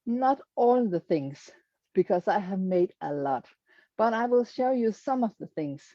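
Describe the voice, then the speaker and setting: A Danish quilter speaks slowly and hesitantly to an online audience about her work, searching for English words and using self-deprecating humor. Her medium-pitched voice is expressive; the audio is dull, with no room sound.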